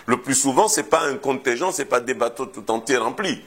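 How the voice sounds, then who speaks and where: A man with a husky, slightly breathy voice, speaking at a middle pitch. He answers as a historian in an interview, weighing each point and pausing often. His sentences stall and restart as he searches for the right word. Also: expressive. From Comoros. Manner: measured, thoughtful, hesitates often with repeated words.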